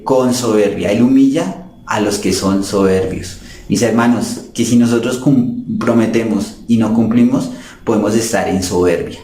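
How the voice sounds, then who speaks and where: A man's voice: lowish voice, dark tone. A man preaching a sermon in an earnest way, addressing his listeners as brothers and sisters. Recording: roomy echo.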